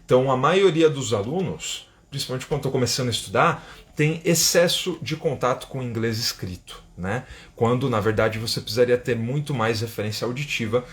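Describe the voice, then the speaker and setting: A man's voice: mid-range voice, a little fast. Brazilian guy doing an english class live, casual and chatty, keeps saying né, reads out comments. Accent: Brazilian Portuguese. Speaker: English teacher. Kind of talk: live-stream English lesson. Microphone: phone or webcam for an Instagram live.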